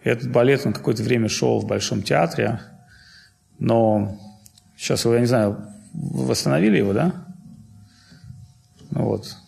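A man's voice: medium pitch, normal speed, gravelly, pauses often, darkish tone. A man giving an informal spiritual lecture, talking loosely and digressively with many fillers and self-corrections.

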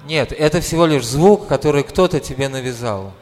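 A man's voice: mid-range voice, moderate pace, a little mellow. A man interpreting a lecture consecutively, rephrasing and correcting himself as he goes. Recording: hall with long reverb.

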